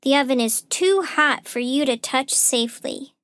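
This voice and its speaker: A woman's voice: high-pitched, moderate pace, fairly bright tone, no room sound, clean studio sound. A woman voicing a sensible young friend who warns against breaking the safety rule in a children's show. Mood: cautious.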